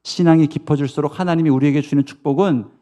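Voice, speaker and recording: A man preaching a Sunday sermon in a slightly high voice. He drives each point home by repeating key words and asking the congregation questions. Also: steady tone, fast talker, mellow. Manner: emphatic, repetitive, rhetorical questions. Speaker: pastor.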